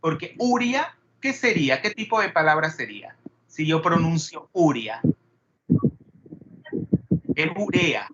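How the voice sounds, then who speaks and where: A man's voice: on the high side, animated, a little slow, pauses often, lo-fi sound, background noise. A man teaching a chemistry class, peppering students with questions and wandering into digressions. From Panama. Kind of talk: classroom lecture.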